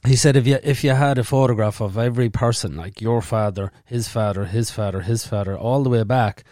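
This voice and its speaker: A man's voice: fairly low pitch, fairly quick, warm tone, dry recording. Guy hosting a podcast, stumbles and repeats himself, dry close sound. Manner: hesitant, repeats words, asks questions. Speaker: podcast host. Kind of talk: casual interview.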